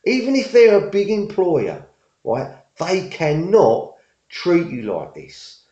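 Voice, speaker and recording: A middle-aged man with a dark, mellow voice rambles through a casual story, circling back and repeating himself. He uses everyday working-class slang. The sound is dull and lo-fi and echoes around the room. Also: a little high, wildly swooping pitch, slow. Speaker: vlogger.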